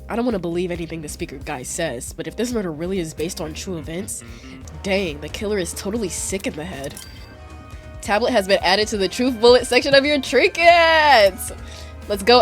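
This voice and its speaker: A woman with a stuffy cold, chatting bubbly and fast-paced while playing through a game. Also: medium pitch. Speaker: let's play host. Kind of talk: casual gameplay commentary.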